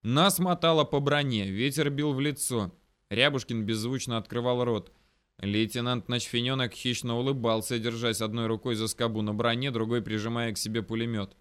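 A male narrator reads a first-person military audiobook in a brisk, vivid style. His voice has a bright, forceful edge. Every line moves along. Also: mid-range voice, steady tone, clear, resonant tone.

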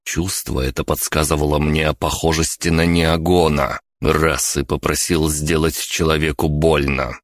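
A man reading an audiobook in the first person at a steady, measured pace. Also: a bass voice, no room sound, clean studio sound. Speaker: audiobook narrator.

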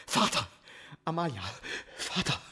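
An actor playing a volatile, scheming younger son in a radio play, with exclamatory, theatrical delivery. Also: male voice, on the high side, very animated, measured pace, sharp tone, breathy edge, exaggerated voice. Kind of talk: classic radio play acting.

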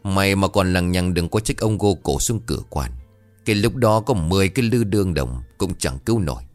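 A man's voice: deep voice, lively intonation, fairly quick, faint music behind. A man voicing a greedy, harsh old village money-lender who talks down to the poor in a scornful, threatening way.

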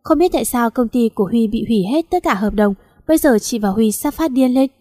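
A woman's voice: a little high, lively intonation, fairly quick, warm tone. A woman voicing a concerned, protective older sister in a read-aloud story.

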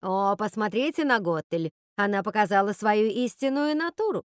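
A woman voicing an excitable young witch sister who squeals and mocks gleefully. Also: mid-range voice, normal speed, no echo, studio quality, close to an everyday voice. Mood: mocking.

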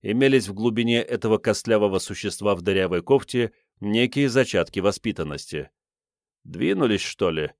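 A man reading a fantasy audiobook aloud as its narrator, in an expressive storytelling manner. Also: on the low side, brisk, few pauses, no echo, studio quality. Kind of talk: scripted narration.

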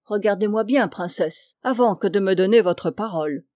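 A woman doing a spiteful yellow dwarf, sneering. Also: medium pitch, moderate pace, no echo, natural voice. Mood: scornful. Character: ugly little yellow dwarf, spiteful, scornful man.

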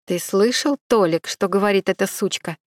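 A woman's voice: mid-range voice, moderate pace, no echo, natural voice. A cocky, half-drunk young lout who jeers and taunts with a sneer in every line, as a woman narrator puts him on. His voice is close and dry. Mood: mocking. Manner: sneering, mocking. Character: tipsy mocking young male street thug.

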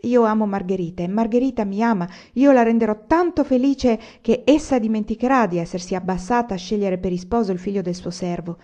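A woman reading aloud and voicing a slow-spoken old peasant father who lectures his son in a novel. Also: high voice, dark tone, dull audio, lightly acted. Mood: lecturing.

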